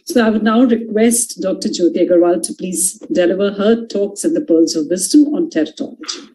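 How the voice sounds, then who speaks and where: Mellow woman moderator. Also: mid-range voice, a little fast, rough recording. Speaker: webinar moderator introducing the speaker. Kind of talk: formal spoken introduction. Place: living room at home, video call. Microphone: video call microphone.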